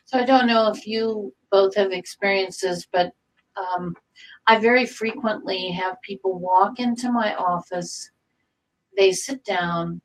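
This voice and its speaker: A woman co-hosting a casual talk show as a psychic medium, speaking in a measured, explanatory way with ums. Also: medium pitch, far from the mic, low-quality recording. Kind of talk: casual panel chat.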